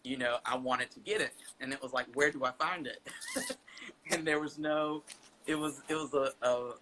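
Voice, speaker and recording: A man with a bright, sharp voice hosts an online interview, talking in a chatty and curious way. Faint birdsong can be heard behind him. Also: mid-range voice, fairly even intonation, normal speed, a little hiss or hum, low-quality recording. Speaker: host.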